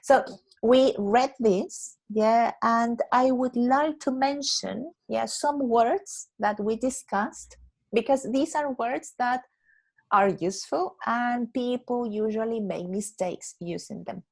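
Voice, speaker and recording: A woman teaching an English class over a video call. She explains patiently, repeats words slowly and keeps checking with "yeah?". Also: fairly high pitch, vocal fry, a little mellow, low-quality recording. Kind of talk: online English lesson.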